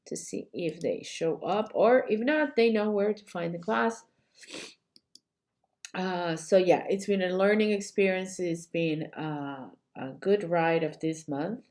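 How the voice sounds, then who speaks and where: A woman coach with a flu teaches a live-streamed class through her computer mic. She speaks slowly and unhurriedly, and her voice is a little hoarse. She chats warmly with viewers and keeps apologizing. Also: fairly low pitch. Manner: apologetic, chatty, greets viewers by name. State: sick with a flu, slightly hoarse. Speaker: cake decorating coach. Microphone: computer mic while streaming.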